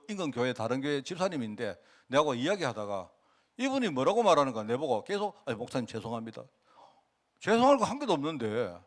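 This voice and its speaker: A man with a fairly high pitch and a Gyeongsang accent preaches as a pastor, keeping things casual and animated while performing the dialogues of the people he recounts.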